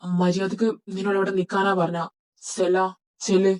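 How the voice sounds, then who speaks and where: A woman's voice: mid-range voice, level tone, normal speed, a little mellow, close to an everyday voice, low-quality recording. A woman voicing a rude, short-tempered young male boss who scolds his assistant. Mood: domineering. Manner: scolding, domineering. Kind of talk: Malayalam fan audio drama.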